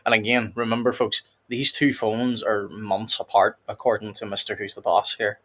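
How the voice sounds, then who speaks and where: A man's voice: fairly low pitch, little pitch movement, moderate pace, bright, forceful tone, slight background noise. A man hosting a casual reaction video, rambling and laughing often as he comments. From United Kingdom.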